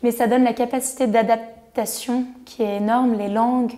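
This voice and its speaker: A woman in her thirties from Switzerland chats easily as a singer guest on the radio. Her voice sits a little high, with a warm, mellow tone. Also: steady tone, moderate pace. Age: 30s. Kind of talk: casual radio interview.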